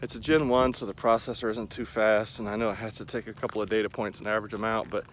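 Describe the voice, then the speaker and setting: Male, 40s, low voice, casual rambling vlogger pacing outside, with ambient noise behind him. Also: little pitch movement, fast. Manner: rambling, self-deprecating, talking while pacing around. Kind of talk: casual running vlog chat to camera. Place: outdoors in a park by a lake. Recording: clear outdoor ambient noise.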